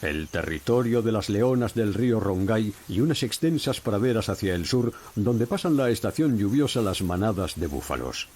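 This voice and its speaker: A man narrating a nature documentary in a measured, dramatic storytelling manner. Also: fairly low pitch, lively intonation, darkish tone, slight background noise. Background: background music.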